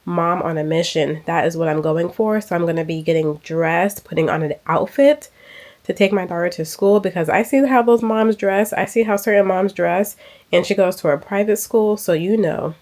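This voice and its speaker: A woman in her thirties talks straight to her handheld camera in a relaxed lifestyle vlog. Her voice sits a little low, and she leans on emphasis, saying her key points twice. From United States. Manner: chatty, emphatic, repeats phrases for effect. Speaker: lifestyle vlogger. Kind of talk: casual vlog chat. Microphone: small handheld camera mic.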